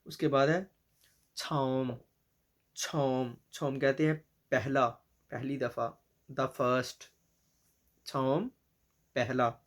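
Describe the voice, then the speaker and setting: A man leads a slow vocabulary lesson, lingering over each word and saying it again and again. He adds quick English glosses and stops to fix his own slips. His pitch sits in an ordinary middle range. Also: flat delivery. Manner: self-corrects with restarts and fillers. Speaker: language teacher.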